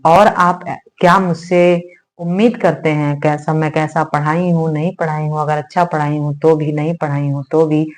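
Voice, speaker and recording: In an online lesson, a woman teacher goes through Sanskrit pronunciation, saying each sound slowly and asking viewers to repeat it. She speaks in a low, fairly even voice, calling her students "beta" and asking "hai na?" to check in.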